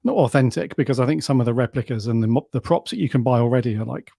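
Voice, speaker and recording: A man's voice: mid-range voice, racing, gravelly, mellow, no room sound, clean studio sound. A man co-hosting a podcast, talking in an easygoing, enthusiastic way. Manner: easygoing, enthusiastic fan talk. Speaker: podcast co-host. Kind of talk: casual chat.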